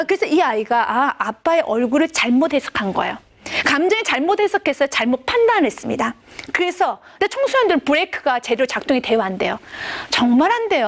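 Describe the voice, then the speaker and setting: A woman pastor giving a televised lecture on parenting, addressing her audience expressively. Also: sits high.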